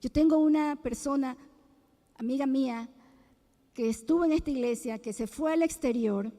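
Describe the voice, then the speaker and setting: A middle-aged woman speaks in a high voice, giving an emphatic, preacherly testimony that circles back and repeats itself. Her voice rings out with a long reverb in a church hall. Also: moderate pace, dark tone.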